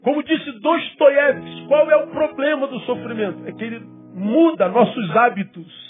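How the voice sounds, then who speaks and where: A man with a Brazilian accent preaching an emotional sermon as a pastor, his voice breaking with tears at its peaks and sinking low and quiet between them. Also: moderate pace. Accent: Brazilian Portuguese. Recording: tinny lo-fi recording with faint guitar. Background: soft guitar music.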